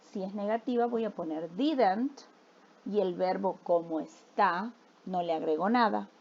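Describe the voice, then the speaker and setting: A woman's voice: mid-range voice, unhurried, vocal fry, highs cut off. Woman teaching English grammar. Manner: mixes Spanish explanation with English examples, checks in with "¿ok?". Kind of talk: recorded grammar lesson.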